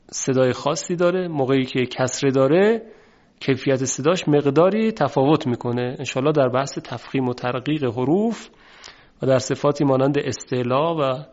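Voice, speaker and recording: A man with a Persian accent teaching Quranic pronunciation, explaining patiently and slowly drawing out the example words. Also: mid-range voice, a little mellow. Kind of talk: phonetics lesson with drawn-out example words. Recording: dull lo-fi recording.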